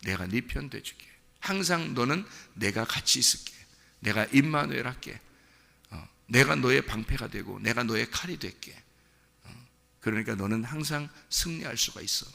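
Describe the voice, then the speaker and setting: A pastor voicing a tender, reassuring God. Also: male voice, mid-range voice, expressive, normal speed, gravelly, long reverb tail, heavily acted. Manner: gentle promises, soothing repetition.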